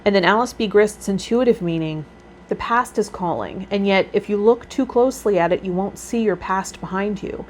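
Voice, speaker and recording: Her voice is mid-range and at normal speed as she hosts her tarot vlog series. The healer reads card meanings aloud, then adds informal commentary, with noticeable background noise behind her.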